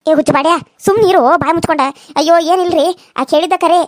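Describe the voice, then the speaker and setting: A woman voicing a bossy elder sister in a cartoon serial, curt and hushing. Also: extremely high pitch, fast, no echo, clean studio sound.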